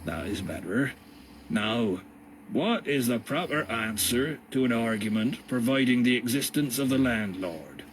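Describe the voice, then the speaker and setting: A man voicing a condescending male jailer who lectures his prisoners slowly and with a sneer in a storybook reading. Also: mid-range voice, expressive, slight background noise, close to an everyday voice. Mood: lecturing.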